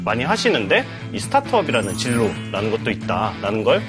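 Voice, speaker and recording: A man's voice: lowish voice, fairly quick. Young guy founder on a talk show, laughs easy, swoops all over, music in back. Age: 30s. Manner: lively, laughs easily. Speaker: startup founder, guest lecturer. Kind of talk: studio talk show chat.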